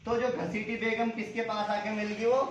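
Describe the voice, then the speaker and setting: A man's voice: high-pitched, little pitch movement, normal speed, a little hiss or hum. A man teaching an exam-prep history lesson, asking questions and answering them himself, and repeating key names. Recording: echoey room, dull lo-fi sound.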